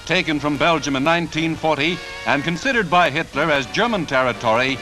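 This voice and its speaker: 1940s newsreel narrator, man, high-ish lively voice, punchy and wry, music bed behind. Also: brisk, low-quality recording. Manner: punchy announcer delivery with wry quips. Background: music score.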